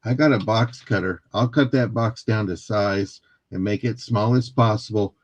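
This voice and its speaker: A man's voice: on the low side, normal speed, no room sound. A man casually explaining shop rules in a live sale, joking and reassuring, laughing often.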